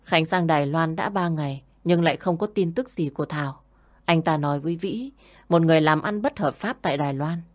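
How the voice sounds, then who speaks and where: A woman's voice, low in pitch. She reads a drama story aloud as scripted narration, at a steady and even pace. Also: brisk.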